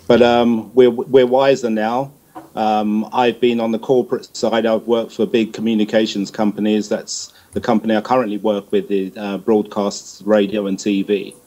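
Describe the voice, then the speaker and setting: Speaking at a moderate pace in a lowish, dark voice with little pitch movement, a middle-aged music promoter and manager gives a conversational answer as an interview guest. He is hesitant and keeps repeating words while working out what to say.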